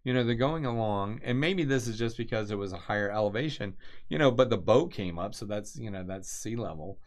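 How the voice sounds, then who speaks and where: A man's voice: lowish voice, animated, a little fast. A man chatting casually while he doodles, meandering from thought to thought with lots of fillers and restarts. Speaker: designer doodling on camera. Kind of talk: casual rambling chat.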